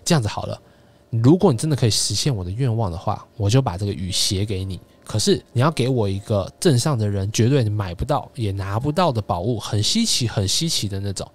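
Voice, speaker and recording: A man's voice: fairly low pitch, expressive, brisk. A man voicing a bullied country schoolboy who is defiant and hot-tempered, in a podcast story retelling. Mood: bargaining. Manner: shouty, defiant.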